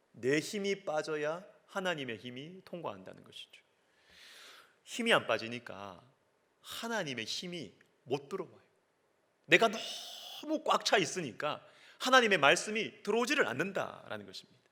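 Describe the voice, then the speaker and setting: A male pastor preaching a sermon, asking the congregation questions and swinging from hushed whispers to raised, emphatic peaks. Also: medium pitch. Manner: asks the congregation direct questions.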